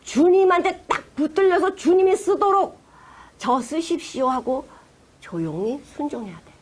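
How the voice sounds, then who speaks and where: A woman pastor preaching a sermon, retelling scripture in lively, dramatized storytelling and acting out the voices of those she quotes. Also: high voice, moderate pace. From South Korea.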